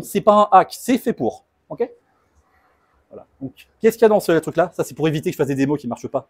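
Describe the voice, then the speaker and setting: A man's voice: on the high side, darkish tone, slightly rough, no room sound. A man giving a casual technical conference talk, loose and joking in manner. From France. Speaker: conference speaker. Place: presentation room.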